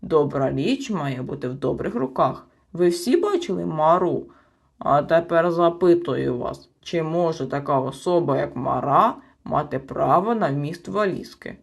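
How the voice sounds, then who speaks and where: A woman voicing a clever, haughty male storybook creature who speaks smugly and argues his case, lower than her narration. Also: normal speed, vocal fry, few pauses.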